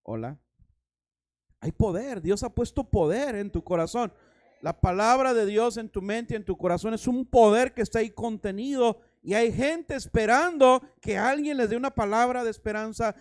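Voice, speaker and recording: A man's voice: high voice, lively intonation, normal speed. A man preaching a sermon as pastor, dramatic, acting out voices and stories.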